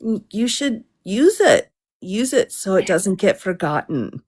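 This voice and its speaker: Lively, wry woman chatting casually. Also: mid-range voice, a little slow, breathy edge. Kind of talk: casual chat.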